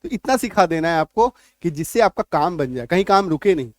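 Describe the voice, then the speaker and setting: An Indian man teaching English phonics in Hindi, encouraging learners, sounding out words slowly and asking if they follow. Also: high-pitched, expressive, no echo, clean studio sound. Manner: encouraging, repeats words slowly and asks checking questions.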